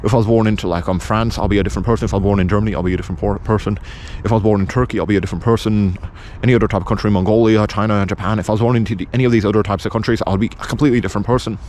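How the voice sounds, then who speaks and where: Very fast-talking British man, bluntly insistent. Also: fairly low pitch, steady tone, a little mellow, slight background noise. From England. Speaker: video presenter. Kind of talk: unscripted opinion monologue.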